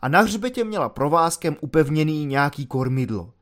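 A man's voice: on the high side, animated. A man reading an audiobook aloud, telling the story in a dry, matter-of-fact way. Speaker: narrator.

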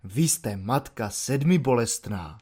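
A man doing an unflappable, good-natured soldier with a lower, softer voice than the narrator's. He talks calmly and slowly, rambling from one tale to the next. He stays easygoing even when he is shouted at, a figure from a storybook reading. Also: husky. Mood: placid. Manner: calm, rambling, slow and easygoing.

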